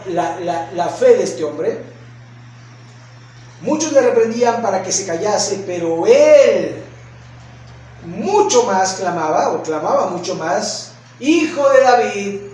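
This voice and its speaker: A male pastor with a Mexican Spanish accent preaching a sermon, asking rhetorical questions and acting out shouts. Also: sits high, a little hiss or hum. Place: church sanctuary. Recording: echoey church hall from far off.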